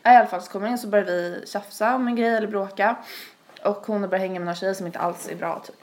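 A woman's voice: medium pitch, steady tone, darkish tone, slight background noise. A young woman tells a long story in casual podcast chat. She rambles, stacks fillers and acts out quotes as she goes. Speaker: podcast host.

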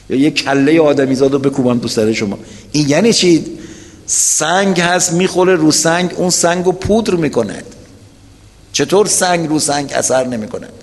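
With a fairly high pitch and a big-room sound, a man lectures his weekly congregation on religion. He narrates a story and keeps addressing listeners head-on with rhetorical questions.

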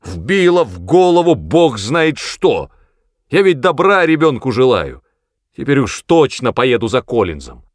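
A man voicing an exasperated mother complaining loudly. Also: mid-range voice, big pitch swings, a little slow, no room sound, studio quality, pitched above the performer's own voice. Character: fretful middle-aged mother, exasperated.

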